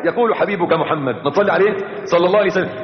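A man's voice: high-pitched, very fast. A male preacher giving an impassioned sermon, calling out to his listeners and chanting verses. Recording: echoey hall, dull lo-fi sound.

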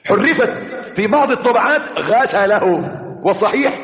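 A male preacher delivers an impassioned sermon, calling out to his listeners and chanting verses in a high, very animated, brisk voice. The recording has an echoey hall sound and is dull and lo-fi.

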